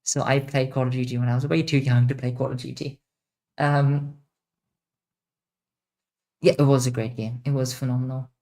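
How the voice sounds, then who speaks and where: A young woman streamer with a mixed international accent answers chat questions on a casual livestream, blunt and quick to swear. Her voice is bass, steady and warm.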